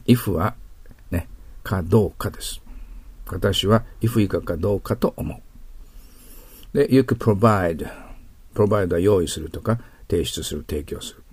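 Husky-voiced male English teacher. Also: sits low, a little mellow, no echo. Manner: patient explaining, frequent tag questions. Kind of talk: exam prep lecture.

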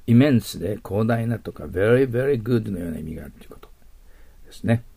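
A middle-aged man teaching English vocabulary in Japanese, explaining each word slowly and carefully, with Japanese-accented English and phrases that fade to a near-whisper. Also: on the low side, expressive, vocal fry, mellow, slightly rough. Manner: slow, careful word-by-word explanations with frequent "hai" and "ne". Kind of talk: recorded vocabulary lesson.

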